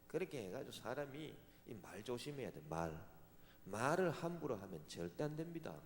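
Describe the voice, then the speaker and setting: A man with a Gyeongsang accent preaches in a church sanctuary, his pitch leaping high and dropping low as he acts out other voices. His voice rings with the long reverb of a large hall. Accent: Gyeongsang Korean. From Gyeongsang Province, Korea. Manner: animated preacher, mimics voices and asks rhetorical questions. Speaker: senior pastor. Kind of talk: sermon.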